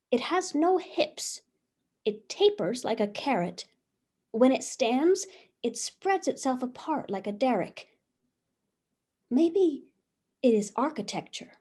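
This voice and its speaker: Over a video call, a woman gives a stage reading of a comic play as Eve, the newly made first woman, curious and talkative, reading her diary in a wondering, chatty way. Her voice sits a little high and sounds warm.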